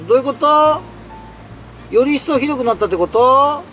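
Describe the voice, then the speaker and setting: Guy rambling to his stream from inside a tent in the rain, high voice, bounces around a lot. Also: animated, fairly quick, sharp tone, soft background music. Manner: chatty, exclamatory, answers viewer comments. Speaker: solo camping streamer. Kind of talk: casual live-stream chat while camping. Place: inside a tent while it rains.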